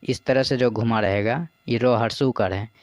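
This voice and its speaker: A man's voice: mid-range voice, steady tone, moderate pace, darkish tone, dry recording. A man patiently explaining practice exam questions as a teacher. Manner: patient, repeats "ठीक है" and "देखिए".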